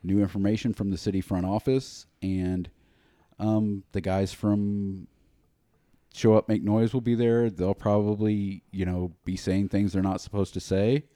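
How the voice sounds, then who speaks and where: A man's voice: on the low side, level tone, unhurried, warm tone, dry recording, studio quality. A man hosting a podcast, giving casual, chatty announcements with fillers. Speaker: podcast host. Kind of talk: casual chat.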